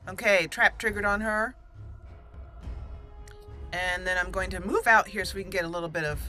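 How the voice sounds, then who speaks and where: This gaming video host's voice sits at a medium pitch with a sharp tone and a moderate pace. She chats casually through roleplay commentary on the game, playfully musing aloud while game music plays.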